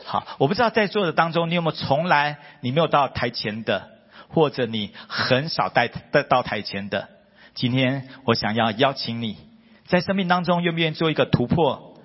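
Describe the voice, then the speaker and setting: A middle-aged man preaching a sermon as pastor, telling stories with lively repetition of phrases. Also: mid-range voice, a little fast, husky, in a large hall, highs cut off. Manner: animated storytelling with repeated phrases. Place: church hall.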